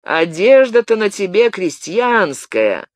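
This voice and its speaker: A man reading an audiobook, voicing a blustering peasant who protests loudly and rattles off complaints. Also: high voice, big pitch swings, takes it slowly, no echo, clean studio sound, voice pushed up, full character voice. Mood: indignant. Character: loud indignant peasant man, quick to protest.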